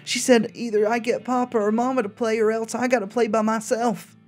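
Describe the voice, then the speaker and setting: A woman's voice: a little high, flat delivery, brisk, darkish tone, soft background music, pitched above the performer's own voice, close to an everyday voice. A woman voicing a naive, frightened little frontier girl reading out her diary in a video game, childlike and folksy. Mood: worried, plaintive.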